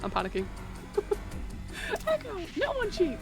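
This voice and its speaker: A young woman streaming live, chatting casually and excitably while she plays a trivia game, giggling and swearing often. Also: very high voice, slow. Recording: game music playing behind.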